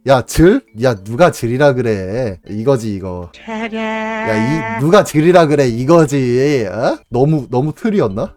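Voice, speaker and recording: A man's voice: mid-range voice, sing-song, takes it slowly, darkish tone, faint music behind. A young man in his twenties, casually chatting on a live stream, teasing his viewers with playful mock outrage and frequent laughter.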